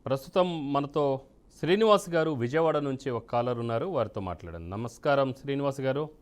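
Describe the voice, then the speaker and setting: A man's voice: mid-range voice, animated, brisk. A man hosting a call-in show, brief and prompting. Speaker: host.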